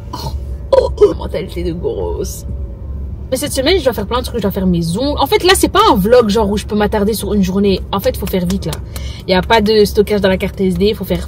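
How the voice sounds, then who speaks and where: A woman's voice: mid-range voice, a little mellow, slight background noise. A young woman, chatting to a small camera in a rambling, self-mocking vlog. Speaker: vlogger. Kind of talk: casual vlog chat to camera. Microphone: small handheld camera.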